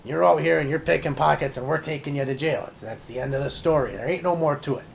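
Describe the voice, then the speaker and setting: A brusque, condescending castle guard, as a man puts him on in a tabletop game. The voice is gravelly and dismissive, with faint noise behind it. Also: on the high side, quick pace, low-quality recording.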